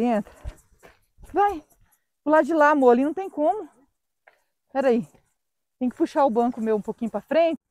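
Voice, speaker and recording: A woman's voice: sits high, darkish tone, dry recording. A woman with a Brazilian Portuguese accent, filming a vlog outdoors on a phone and tenderly coaxing a stray dog. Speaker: vlogger rescuing a stray dog. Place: outdoors in scrubland by a car.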